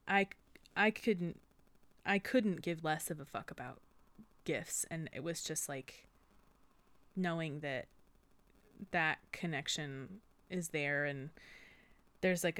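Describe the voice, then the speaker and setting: A woman's voice: low-pitched, no echo. A young woman co-hosting a podcast, chatting casually and getting emotional, with frequent laughter. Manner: gushing, emotional, laughs often. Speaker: podcast co-host. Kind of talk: casual chat.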